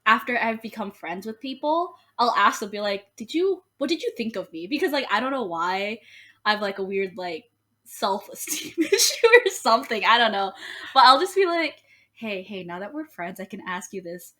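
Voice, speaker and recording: A young woman in relaxed podcast conversation, filling her sentences with "like" and wandering through stories. She makes light of herself as she goes, in a voice of ordinary middle pitch for a woman. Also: moderate pace. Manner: chatty, rambling, heavy use of "like", self-deprecating. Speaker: podcast co-host. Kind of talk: casual chat.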